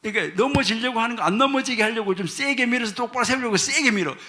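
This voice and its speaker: Animated high-voiced male preacher. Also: fast. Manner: animated, acts out dialogue, asks congregation questions. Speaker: professor preaching. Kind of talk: sermon with storytelling.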